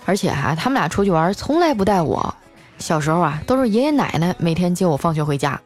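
A woman's voice: fairly low pitch, sing-song, darkish tone, faint music behind. Chatty woman telling funny stories. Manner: chatty, drawn-out filler particles. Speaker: host. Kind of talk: scripted comic storytelling.

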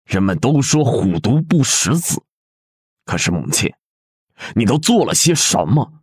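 A man's voice: low-pitched, expressive, a little slow, no room sound, studio quality, heavily acted. A man voicing a cold, ruthless prince who speaks with sneering contempt in a fan audio drama. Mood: scornful.

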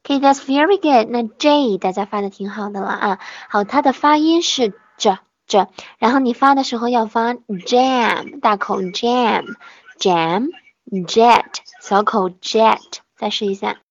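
A woman teaching English pronunciation in an online lesson, patiently modelling sounds slowly and repeating them. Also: a little high, no echo, highs cut off.

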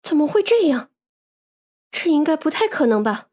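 A man voicing a fierce young woman warrior with a shrill falsetto in an audiobook. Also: big pitch swings, normal speed, a little mellow. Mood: bewildered. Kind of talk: audiobook character voice.

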